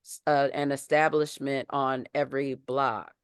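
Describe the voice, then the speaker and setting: Earnest, smooth-voiced committee member. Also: medium pitch, flat delivery, unhurried, no echo, clean studio sound. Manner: earnest, thinking aloud with restarts. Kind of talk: community board meeting discussion. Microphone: video call.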